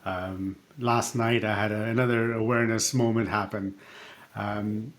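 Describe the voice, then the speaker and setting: A middle-aged man, a coach and podcast guest, telling a personal story in a reflective, halting way with fillers and restarts. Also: lowish voice, level tone. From born in Africa, raised partly in Canada.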